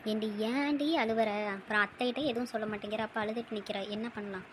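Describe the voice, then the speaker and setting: In a cartoon, a cheeky young friend of the bride talks in a teasing, mischievous way, as a woman voices her. Her voice runs high. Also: quick pace, slight background noise, natural voice, poor audio. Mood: scheming. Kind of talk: cartoon voice acting.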